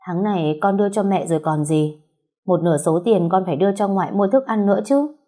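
A woman voicing a quiet, hurt teenage daughter, speaking softly in a story read aloud. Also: mid-range voice, brisk, close to an everyday voice.

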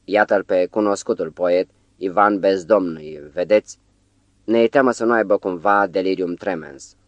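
A man voicing a nervous, flustered poet who talks in an anxious, hushed way, in an audiobook. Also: deep voice, dry recording, dull audio, lightly acted. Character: nervous flustered male poet, middle-aged.

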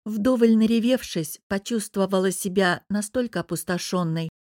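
A woman reads a novel aloud in the first person. Her voice sits at a middling pitch, steady and even. The sound is close and dry, with no room in it. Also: normal speed, no echo. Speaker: audiobook narrator.

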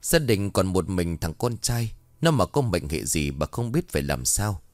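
A man narrating a ghost story in animated storytelling. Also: sits low, normal speed, dry recording.

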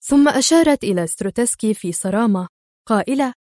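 A woman narrating a thriller audiobook in a measured, expressive storytelling voice. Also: fairly high pitch, dry recording, clean studio sound.

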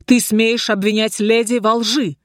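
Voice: mid-range voice, flat delivery, measured pace, a bit bright, dry recording, studio quality, pitched above the performer's own voice, lightly acted. A reader voicing a proud young king who speaks in a commanding, indignant way in a storybook.

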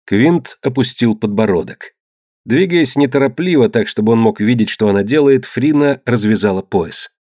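A man reading an adventure novel aloud in a measured, dramatic manner. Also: mid-range voice, lively intonation, dark tone, no room sound, studio quality. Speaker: narrator. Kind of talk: scripted audiobook narration.

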